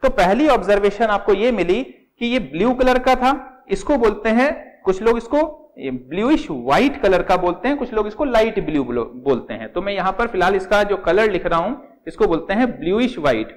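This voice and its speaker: Middle-aged Indian male teacher, higher-pitched voice, patient step-by-step lecturing, fond "beta" to students. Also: sing-song, normal speed. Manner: explains step by step, asks and answers own questions, calls students "beta". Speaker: chemistry teacher. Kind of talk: classroom lecture in Hindi with English terms.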